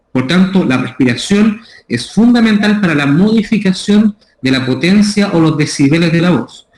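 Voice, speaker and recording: A man's voice: fairly high pitch, darkish tone. A man with a Chilean Spanish accent giving a methodical, explanatory lecture on voice care, repeating his key terms. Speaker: voice care workshop instructor. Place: school room. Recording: echoey room.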